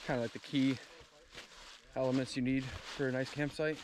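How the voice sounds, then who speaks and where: A young man narrating a casual hiking vlog outdoors, relaxed and explaining as he walks. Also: medium pitch, normal speed. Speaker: vlogger. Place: outdoors on a forest trail. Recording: outdoor noise on a camera mic.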